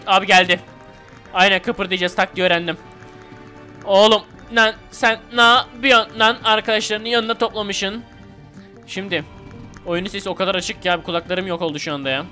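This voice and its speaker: A young man calls out a battle game in a bright, high, excitable voice and yells slangy taunts at the enemies. Game music plays faintly underneath. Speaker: gaming YouTuber. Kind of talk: casual gameplay commentary.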